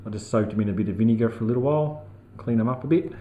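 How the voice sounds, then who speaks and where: An Australian man talks in a chatty, slangy way as he narrates his own outdoor hunt. His voice sits at an ordinary middle pitch. A faint hiss of open-air noise runs underneath. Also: very fast, narrow, tinny audio. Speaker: metal detecting vlogger. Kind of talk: casual narration while detecting. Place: outdoors in a grassy paddock.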